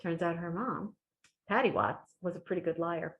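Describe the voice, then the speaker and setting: Library lady reading book blurbs, lowish voice, lively, laughs a lot. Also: moderate pace, creaky, dull audio. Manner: reads blurbs aloud with lively emphasis, laughs often. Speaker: library staff book reviewer. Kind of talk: casual book recommendation chat.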